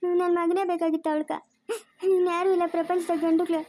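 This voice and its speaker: A woman's voice: high voice, steady tone, fast talker, mellow, dry recording, clean studio sound, lightly acted. A woman voicing a distraught, bitter middle-aged village mother. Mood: furious. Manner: wailing laments and angry threats.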